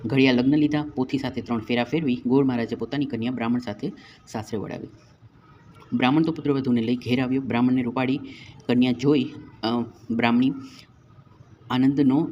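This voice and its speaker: A man narrating a devotional folk tale in a calm, measured storytelling way. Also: medium pitch, lo-fi sound, a little hiss or hum.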